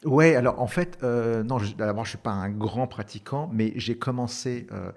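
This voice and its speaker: A man's voice: mid-range voice, moderate pace, a little mellow. A man born in Iran and raised in France, a startup founder answering interview questions in a hesitant way, with many fillers and restarts. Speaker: startup founder, podcast guest.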